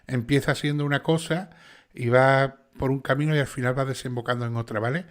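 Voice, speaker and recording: This channel host and narrator is a man from Seville with a strong Sevillian Andalusian Spanish accent and a steady, mid-range voice. During his casual livestream chat he speaks quickly, restarts a lot, and keeps checking in with his audience by asking "¿vale?"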